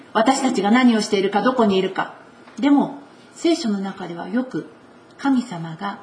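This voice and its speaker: A woman preaching a conversational sermon with a Kansai accent, voicing quoted lines with shifts in pitch. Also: darkish tone, slight background noise. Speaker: pastor.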